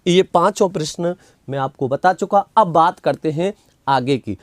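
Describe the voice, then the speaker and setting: High-voiced man teaching a grammar class. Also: unhurried, no room sound. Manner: repeats key terms, quizzes himself and answers; reads out viewer comments and replies. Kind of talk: online Hindi grammar class.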